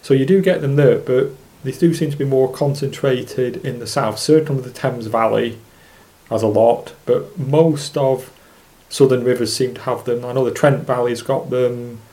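A man's voice: medium pitch, steady tone, moderate pace, warm tone. A man from Lancashire, explaining things off the cuff in a musing, loosely structured way as an interview guest. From Lancashire, England. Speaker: podcast guest, specimen angler.

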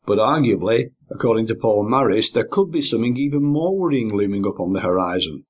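A man presenting and interviewing in a measured, articulate way, with carefully worded, scripted-sounding phrasing. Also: fairly low pitch, animated.

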